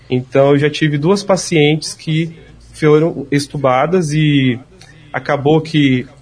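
Husky man explaining patiently. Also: a little high. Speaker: speech therapist. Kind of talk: explanatory interview answers.

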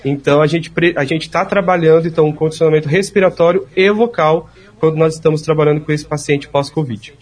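Man, speech therapist, husky and slightly high voice, patient explainer. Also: quick pace, hardly any pauses. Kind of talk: explanatory interview answers.

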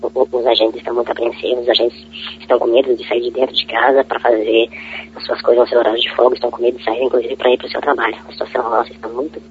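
Anonymous guy w/ voice changer on, fast worried talk, flat tone, muffled lo-fi audio. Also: medium pitch. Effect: voice altered by a voice changer. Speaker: prison guard, anonymous source. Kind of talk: news interview soundbite. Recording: dull lo-fi audio with faint hum.

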